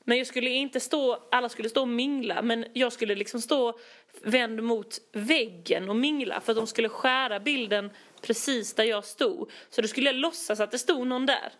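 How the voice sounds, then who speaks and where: High-voiced young woman telling a story. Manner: animated, acts out quoted exchanges, many fillers. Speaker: storyteller in casual chat. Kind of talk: casual chat.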